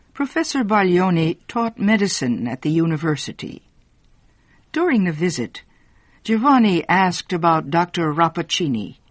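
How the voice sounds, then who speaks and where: A narrator reading a story slowly and clearly in a scripted style. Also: no echo. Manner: slow, clear, expressive pitch.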